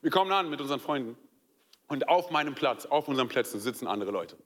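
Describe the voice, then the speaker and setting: A young man from Germany preaching a sermon in a lively, conversational way, full of fillers and direct questions to the listeners. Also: mid-range voice, quick pace. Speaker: pastor. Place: church hall. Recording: long hall reverb.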